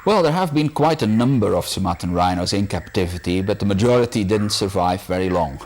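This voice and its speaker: A man speaking off the cuff as an expert in a documentary interview, haltingly, pausing to find his words. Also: lowish voice, expressive, a little mellow, a little hiss or hum.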